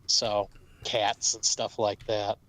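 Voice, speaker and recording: A man's voice: lowish voice, level tone, slow, fairly bright tone. A man talking casually as an author, rambling with fillers and restarts. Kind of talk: casual chat.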